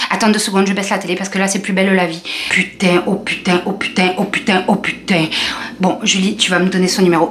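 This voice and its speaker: A woman's voice: lowish voice, a little hiss or hum, close to an everyday voice. Woman doing her hot-headed Toulouse dad. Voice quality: rapid swearing, frantic. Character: excitable southern French dad, hot-tempered.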